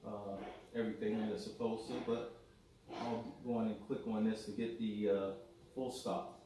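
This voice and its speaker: A fairly low-voiced man narrates his simulated flight in an easy, halting way, pausing on fillers as he works the controls. He sits well away from the camera in a dim room at home, so his voice comes through distant and heavily echoed over a faint hum. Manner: relaxed, halting commentary with fillers. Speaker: flight sim hobbyist demonstrating his home cockpit. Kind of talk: casual narration while flying a simulator. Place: dim room at home, seated at a DIY cockpit. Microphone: far camera behind him.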